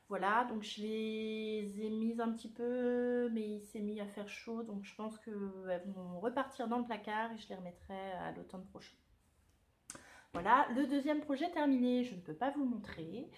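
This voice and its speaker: A woman's voice: mid-range voice, darkish tone. A woman hosting a knitting video podcast, talking casually with many hesitations and self-corrections.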